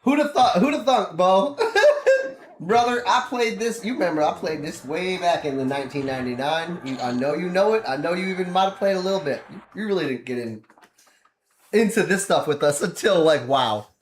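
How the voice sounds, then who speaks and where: A man's voice: sits high, expressive, moderate pace, echoey room, slight background noise. A man casually chatting while streaming a game, rambling and laughing often as he plays.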